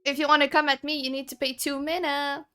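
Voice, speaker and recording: A woman's voice: high-pitched, level tone, fast talker, pushed and bright. A woman teasing and laughing with others during a casual online card game. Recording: faint background music.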